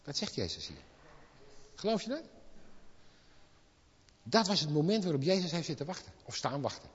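A man preaching a sermon in speech, impassioned and swinging from quiet asides to loud exclamations. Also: a little high, big pitch swings, normal speed, breathy edge. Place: church hall. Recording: lo-fi with long hall reverb.

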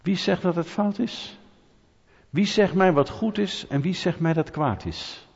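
A man preaching to his congregation, throwing rhetorical questions at the room and teasing people in the pews. His voice sounds slightly husky and rings out with a long reverb through a church hall. The sound is dull and muffled. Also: high voice, unhurried. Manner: lively, rhetorical, asks the audience questions, jokes with them. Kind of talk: sermon.

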